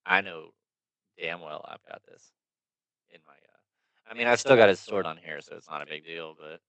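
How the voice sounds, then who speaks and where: Low-voiced man muttering while editing. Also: normal speed, a bit bright, no room sound, poor audio. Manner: muttering, easily exasperated. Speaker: streamer editing video. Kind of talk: casual talking to himself. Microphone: phone.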